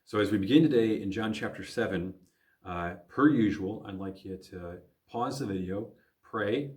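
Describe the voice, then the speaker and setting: Here a man from the American Midwest, a pastor, leads a recorded Bible lesson for teens at a normal speed. His voice sits on the low side and is a little mellow, and he works through his thoughts out loud, full of fillers and fresh starts.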